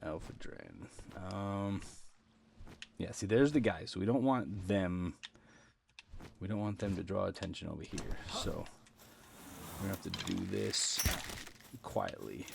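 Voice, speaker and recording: A man's voice: deep voice, a little slow, creaky, long pauses, background noise. A man hosting a gaming channel, giving casual, rambling gameplay commentary with lots of ums. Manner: chatty, rambling with many ums. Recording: game music underneath. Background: game music.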